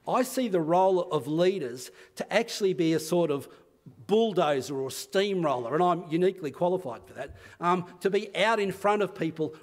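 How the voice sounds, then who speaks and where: Man, Australian accent, conference talk, fairly high voice, earnest, self-deprecating. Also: big-room sound. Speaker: conference speaker. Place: conference venue.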